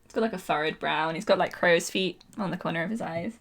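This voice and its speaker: A woman's voice: lowish voice, fast. A woman co-hosting a podcast, chatting casually and playfully with lots of ums and laughter. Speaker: podcast co-host. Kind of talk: casual chat.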